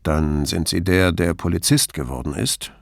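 Male reader as a cautious doctor, deep and even-toned, dry sound. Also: moderate pace, gravelly, no echo. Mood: reserved. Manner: neutral, reserved. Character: guarded, neutral-toned male family doctor.

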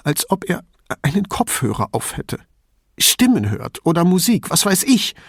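Male reader doing a tense, prickly woman professor, pitched up high, husky edge, audiobook. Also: sing-song, no room sound, studio quality. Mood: worried. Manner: tense and quick to bristle. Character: middle-aged woman professor, worried, defensive mother.

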